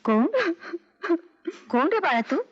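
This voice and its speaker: An actress playing a gentle, loving mother in an old film. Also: high-pitched, big pitch swings, slow pace, dull audio, exaggerated voice. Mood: tender. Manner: gentle, emotional, tearful at parting. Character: loving middle-aged mother, tender and kindly.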